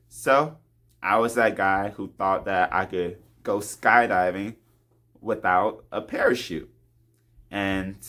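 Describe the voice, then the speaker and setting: A man speaks to camera in a confessional, devotional talk, earnest and open about his faith. His voice is on the low side, and soft laughs slip out between his thoughts.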